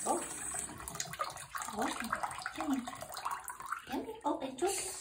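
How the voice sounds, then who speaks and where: A woman's voice: sits high, animated, takes it slowly, very noisy. A woman bathing her pet and soothing it with cooing baby talk in a bathroom. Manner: cooing, repeats soothing words. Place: bathroom with running water. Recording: echoey bathroom, running water.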